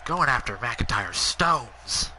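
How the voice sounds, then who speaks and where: A man's voice: medium pitch, expressive, slow, pushed and bright, a little hiss or hum, low-quality recording. A man co-commentating over a wrestling video game with short, wry quips. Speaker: gaming co-commentator. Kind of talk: casual chat over gameplay.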